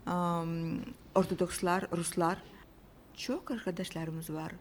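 A woman from Russia with a Russian accent, telling about her own life casually in simple, halting non-native Turkish with grammatical slips. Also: fairly low pitch, level tone, a little hiss or hum. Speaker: interview guest. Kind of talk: casual personal storytelling.

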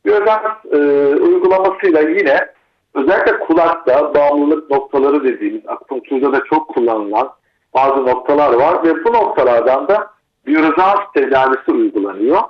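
A male doctor calling in to a radio interview, explaining a treatment in a measured way with frequent hesitations. His voice comes through echoey over the phone. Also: on the high side, animated. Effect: echoey voice over the phone line. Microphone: phone with earphones. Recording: muffled, echoey phone line.

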